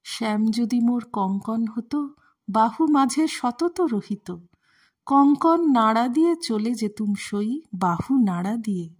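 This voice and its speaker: A woman giving a slow devotional scripture reading, reciting verses in a measured, reverent way. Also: on the high side, expressive, a little mellow, slightly rough. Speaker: scripture reader.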